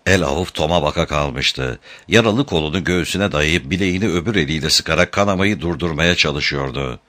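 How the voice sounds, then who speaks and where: A man narrating an adventure novel as an audiobook, in a measured, dramatic storytelling manner. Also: rumbling low, sharp tone, no room sound.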